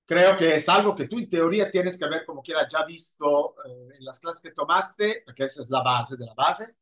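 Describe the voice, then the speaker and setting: A man's voice: fairly high pitch, moderate pace, a bit bright. A man teaching an Italian class over a video call, patiently answering students' questions and praising them often. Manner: patient, encouraging, repeats praise. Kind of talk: online class Q&A. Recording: muffled video call audio.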